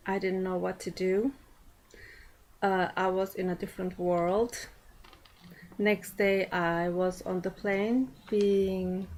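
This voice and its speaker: A woman speaking to a room in a prepared speech, at a steady mid pitch for a woman. She goes slowly and carefully, stopping often with small fillers. A faint hum of room sound sits behind her. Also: low-quality recording. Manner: slow and deliberate, with pauses and fillers. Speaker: speech class student. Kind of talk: prepared personal speech to an audience.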